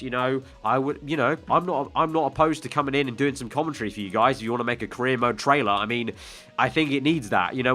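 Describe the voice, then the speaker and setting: A gaming video host with a mid-range, slightly bright voice gives casual, enthusiastic commentary on a video game trailer, keeping it informal and often repeating phrases for emphasis.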